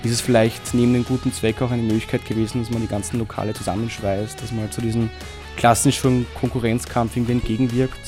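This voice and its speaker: A man asking interview questions calmly and deliberately. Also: medium pitch, faint music behind.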